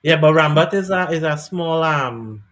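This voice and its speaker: A man hosting a music interview podcast, chatting in a relaxed, encouraging way. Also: a little high, normal speed. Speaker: podcast host and DJ. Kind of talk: casual interview chat.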